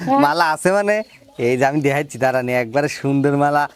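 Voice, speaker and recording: A man's voice: fairly high pitch, lively intonation, fast, smooth, close to an everyday voice. Cheeky village hawker, as a man plays him. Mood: pushy. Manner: sing-song sales patter, wheedling. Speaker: street hawker. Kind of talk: rural comedy drama acting.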